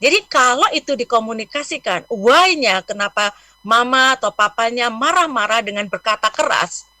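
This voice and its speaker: A woman's voice: on the high side, expressive, normal speed, pushed and bright, dry recording. A woman guest on a radio talk show, explaining parenting in a friendly, patient way from the studio. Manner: explanatory, friendly, acts out scolding parents in quotes.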